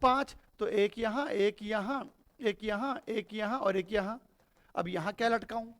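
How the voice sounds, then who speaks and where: A man's voice: high-pitched, steady tone, a little slow, fairly bright tone. A man teaching a chemistry class. He asks his students questions and answers them himself, calling them "beta". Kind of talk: classroom lecture.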